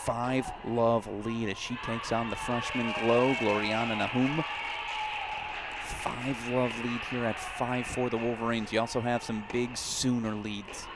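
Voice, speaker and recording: A man giving brisk, energetic live tennis play-by-play, rising to shouts on key points. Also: mid-range voice, heavy background noise. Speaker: tennis commentator.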